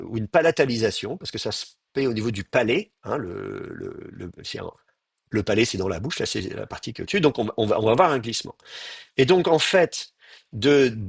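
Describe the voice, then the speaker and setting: A man lecturing a class, explaining step by step and often pausing on fillers as he sounds out words. His voice is a little husky and swings widely in pitch. The sound is close and dry. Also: dry recording. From France. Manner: explains patiently, hesitant fillers, demonstrates pronunciations aloud. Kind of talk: university lecture.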